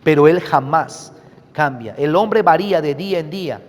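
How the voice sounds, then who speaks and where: Male pastor, emphatic sermon delivery with questions to the flock; voice sits somewhat high; church-hall reverb. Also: moderate pace. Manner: emphatic, checks in with the congregation with questions.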